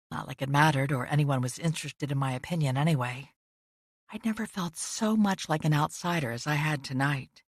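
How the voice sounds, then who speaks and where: A woman reading a first-person audiobook narration in a measured, introspective way. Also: sits low, no room sound, clean studio sound.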